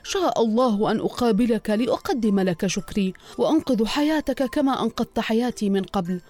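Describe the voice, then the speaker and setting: A woman's voice: on the high side, expressive, brisk, a little mellow, pitched below the performer's own voice. A woman voicing a strong grown male lion who speaks firmly and with authority. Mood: gentle. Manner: firm, commanding.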